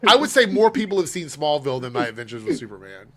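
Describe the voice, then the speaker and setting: Male livestream host, fairly high voice, chatty, animated, laughs often. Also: quick pace, music in the background. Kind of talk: casual chat, reading super chats.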